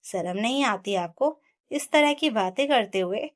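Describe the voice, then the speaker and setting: A woman's voice: fairly high pitch, animated, measured pace. A woman voicing a young wife, hurt and pleading for her rights in an emotional storybook reading. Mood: indignant. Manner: emotional, rising to impassioned protest.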